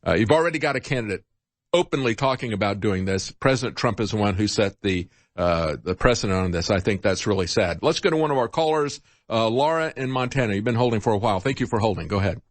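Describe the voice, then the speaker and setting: A man with a husky voice hosting talk radio, giving unscripted political commentary and chatting with callers. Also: fairly low pitch, expressive, fast, no echo.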